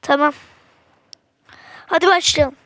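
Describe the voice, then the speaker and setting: A woman's voice: sits high, fairly even intonation, takes it slowly, fairly bright tone, no room sound. A woman giving casual, slangy gameplay commentary to her viewers, with sudden frustrated outbursts. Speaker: gaming channel host.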